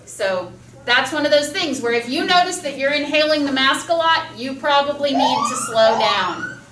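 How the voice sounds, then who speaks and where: A woman speech teacher giving a chatty, fast-talking classroom lecture. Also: high-pitched, lively intonation. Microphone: camera mic across a classroom. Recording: roomy, distant classroom sound with faint noise.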